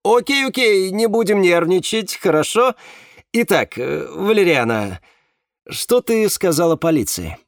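A man reading an audiobook, voicing a tense man who keeps trying to calm others down. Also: high-pitched, a little slow, no echo, studio quality, voice pushed up, heavily acted. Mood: placating. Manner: soothing, persuasive, tense. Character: calm, placating man trying to control the group.

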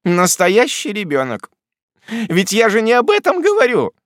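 A man voicing a stern, imperious elderly aunt in an audiobook, speaking in a high, clipped, scolding and impatient way. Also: sing-song, measured pace, fairly bright tone, no room sound, studio quality, heavily acted. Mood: commanding. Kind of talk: audiobook character reading.

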